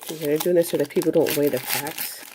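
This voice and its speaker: A woman giving casual commentary as she opens trading card packs, listing each card one by one in an unhurried way. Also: deep voice, fairly even intonation, noisy background. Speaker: card collector opening packs. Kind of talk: casual pack-opening commentary.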